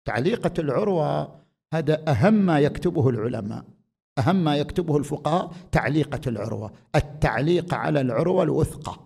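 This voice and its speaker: A man delivering a religious lecture, moving from quiet talk to loud, emphatic declaiming. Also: on the high side, gravelly, breathy edge. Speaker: preacher.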